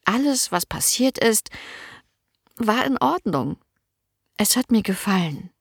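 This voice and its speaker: Woman playing a calm young noblewoman. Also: medium pitch, takes it slowly, gravelly, breathy edge, no echo, clean studio sound, voice pushed up, exaggerated voice. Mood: calm reassuring. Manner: calm, reassuring.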